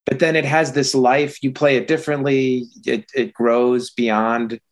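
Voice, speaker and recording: A middle-aged man in casual chat about music, thoughtful and reflective, often pausing to find his words. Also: mid-range voice, level tone.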